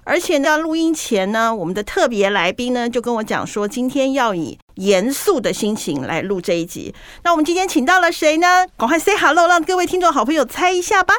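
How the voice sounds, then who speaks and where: A woman's voice: high-pitched, animated, a little fast, hardly any pauses, a bit bright, no room sound, studio quality. A woman with a Taiwanese Mandarin accent hosting a podcast in casual conversation, her voice slightly muffled and misty through a face mask, with audible breathing. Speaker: podcast host.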